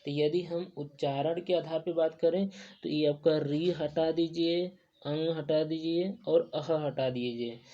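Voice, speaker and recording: A young man leads an exam-prep lesson, explaining things step by step. He keeps padding his sentences with the same fillers over and over. His voice is mellow and dark, and the recording sounds dull and lo-fi. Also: a little high, fairly even intonation, measured pace. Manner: filler-heavy, repeats "jo tha" and "jo hota hai". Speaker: teacher.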